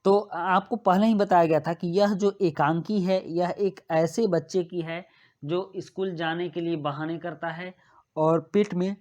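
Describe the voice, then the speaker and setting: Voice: mid-range voice, fairly even intonation, measured pace, darkish tone. A teacher reads a short play aloud from a school worksheet, then explains it step by step.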